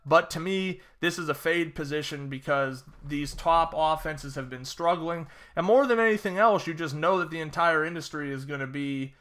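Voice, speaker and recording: A young man with a fairly high-pitched, sharp voice casually breaks down his fantasy baseball picks in a solo sports-betting talk. As a fantasy sports analyst, he's chatty and rambling, full of fillers and sarcastic asides.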